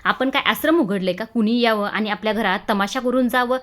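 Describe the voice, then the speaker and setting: Lady doing a nasty sharp-tongued aunt type, scornful, snapping. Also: a little high, brisk, natural voice. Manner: scornful and shouting.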